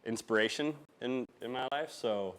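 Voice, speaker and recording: A young man from Norway, raised in Arizona, talking casually over slides about his motorcycle shop, halting and full of fillers. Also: mid-range voice, a bit bright. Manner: halting, filler-heavy, laughs easily. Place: event space before a live audience.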